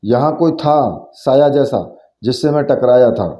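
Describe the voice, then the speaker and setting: A man's voice: mid-range voice, a little slow, dark tone, lightly acted. A man voicing a jumpy, scared young man. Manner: nervous, stammering. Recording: roomy, dull lo-fi recording.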